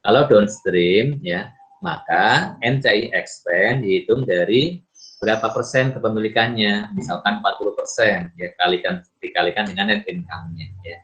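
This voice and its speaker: This is a recorded accounting lecture from an Indonesian man whose voice is on the low side and fairly bright, delivered at a normal speed. Working through the material one step at a time, he frequently asks a question and supplies the answer himself in a teacherly way. Audio quality is lo-fi and muffled.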